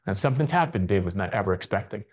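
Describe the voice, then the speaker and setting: Low-voiced man reading a story. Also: animated, very fast, a little mellow, breathy edge, lo-fi sound. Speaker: narrator.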